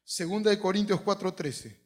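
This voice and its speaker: A man preaching a sermon as pastor, telling stories and swinging from hushed lines to shouts. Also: high-pitched, normal speed. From Peru.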